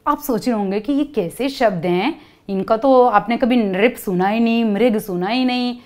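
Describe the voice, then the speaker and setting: A woman's voice: fairly high pitch, moderate pace, a little mellow. A woman teaching young children, patiently explaining each step and asking them to repeat sounds after her. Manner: call-and-response, asks kids to repeat. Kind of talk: children's lesson.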